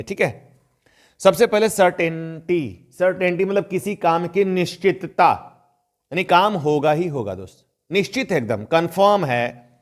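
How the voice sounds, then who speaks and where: A man teaching an online grammar lesson in a conversational way, reading example sentences slowly and deliberately. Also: on the high side. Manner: conversational, addresses viewers as friends. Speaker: English teacher.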